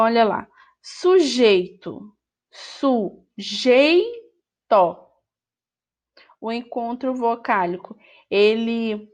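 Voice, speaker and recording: A woman's voice: fairly high pitch, a little mellow. A woman teacher with a Brazilian Portuguese accent, correcting a workbook in an online lesson, who speaks patiently and repeats each word. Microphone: screen recording with voice-over.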